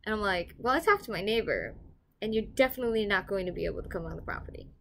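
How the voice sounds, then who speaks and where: A young woman casually telling a dramatic personal story to the camera, animated and given to swearing. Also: medium pitch, fast talker, gravelly, a little hiss or hum. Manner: animated, swings loud and quiet, swears casually. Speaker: property manager telling a story.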